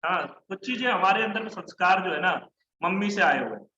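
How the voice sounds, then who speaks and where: A man's voice: sits high, lively intonation, brisk, sharp tone, roomy sound, lo-fi sound, slight background noise. A man teaching an online Sanskrit class, chanting word forms in rhythmic lists and correcting his students. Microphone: online class call mic.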